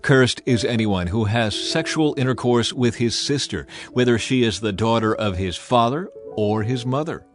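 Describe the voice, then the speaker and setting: A man plays a prophet speaking to his people in a dramatized scripture reading, lightly acted and solemn in its authority. His mid-pitched delivery is deliberate, declamatory and stern, condemning in mood, while music sounds clearly in the background.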